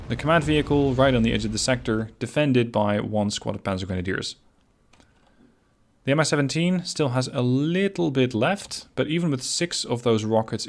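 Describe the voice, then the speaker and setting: A man commentating his own strategy game replay, relaxed and analytical, pointing out his own mistakes as he goes. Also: medium pitch. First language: not Finnish. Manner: relaxed, analytical, self-critical. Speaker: gameplay commentator.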